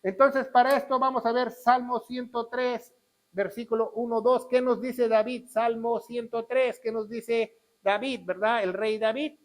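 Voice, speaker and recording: A middle-aged male pastor preaches with a high, ringing voice. He keeps it animated, bursting into loud exclamations and then dropping to quiet asides. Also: measured pace, poor audio. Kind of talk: sermon.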